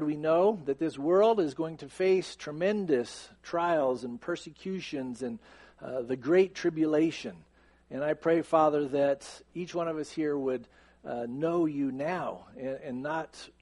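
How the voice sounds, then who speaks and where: A pastor in his fifties with a somewhat high voice speaks in a church sanctuary. He moves from relaxed, joking asides to an earnest, steady prayer. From United States. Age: 50s. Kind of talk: sermon and prayer.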